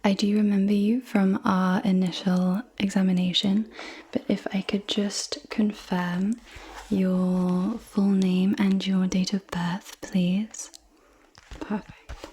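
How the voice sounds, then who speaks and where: Breathy young woman in whispered role-play. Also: medium pitch, flat delivery, slow. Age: 20s. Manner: soft, reassuring, attentive. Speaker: clinic practitioner in a role-play. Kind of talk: ASMR. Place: indoors, small room with dark backdrop.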